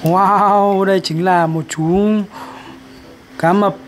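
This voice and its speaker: A man's voice: sits high, fairly even intonation, takes it slowly, a little hiss or hum. A man narrating a toy video for young children, talking in simple, repetitive, encouraging phrases as if to a toddler.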